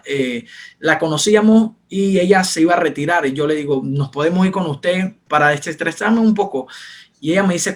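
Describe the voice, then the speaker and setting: A young man telling his personal faith testimony in an earnest, conversational way, softening his voice when he quotes others. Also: fairly high pitch. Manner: earnest, retells dialogue in soft quieter voices. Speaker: testimony speaker.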